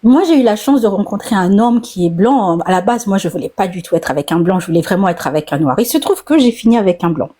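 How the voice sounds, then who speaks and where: A woman in her forties speaks with a mellow, rounded tone. She tells a long personal story in a casual way, often stumbling and repeating words before she goes on. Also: medium pitch, expressive, fast talker, few pauses. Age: 40s. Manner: hesitant, repeats words, then tells at length. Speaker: caller on a live talk.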